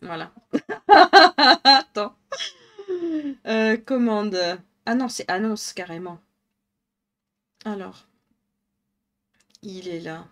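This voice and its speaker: Slow, chatty woman streamer, northern accent. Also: mid-range voice, lively intonation, fairly bright tone. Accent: northern French (ch'ti). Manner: chatty, thinks aloud, laughs often. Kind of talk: casual live-stream chat while colouring.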